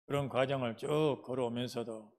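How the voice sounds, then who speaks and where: A middle-aged male pastor with a Jeolla dialect preaches in a down-to-earth, storytelling way. His voice sits at an ordinary mid-range pitch, and he often turns to his listeners with questions while recounting his own hardships. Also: fairly even intonation, moderate pace, a little mellow. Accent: Jeolla Korean dialect. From Jeolla province, Korea. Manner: folksy storytelling, asks the congregation questions. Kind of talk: sermon with personal testimony.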